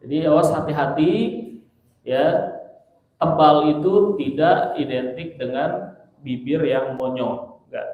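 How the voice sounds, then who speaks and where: Slow-talking teacher in an echoey mosque. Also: male voice, a little high, narrow, tinny audio. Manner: patient, repeats letter sounds to demonstrate. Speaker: Quran teacher. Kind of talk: tajwid lesson with spoken demonstrations. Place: large mosque hall.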